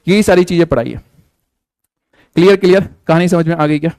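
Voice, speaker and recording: A man's voice: fairly high pitch, brisk, darkish tone, no echo. A man teaching a live online class, coaxing students with repeated questions and playful jokes.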